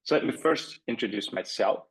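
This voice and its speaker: A man from Belgium hosts a tech webinar in a measured, welcoming tone. His voice is somewhat low and slightly husky. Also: expressive, rough recording. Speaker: developer advocate, webinar host. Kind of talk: webinar introduction.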